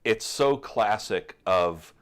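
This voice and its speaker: A middle-aged man co-hosting a live bird question show, explaining in a relaxed, rambling way with many restarts. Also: fairly low pitch, slow pace. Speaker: co-host answering bird questions. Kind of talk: casual live stream chat.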